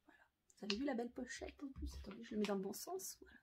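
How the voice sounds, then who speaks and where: A woman's voice: fairly high pitch, lively intonation, rapid-fire, background noise. A French woman talking casually to camera about her sewing, chatty and hesitant, with many fillers. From France. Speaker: sewing vlogger.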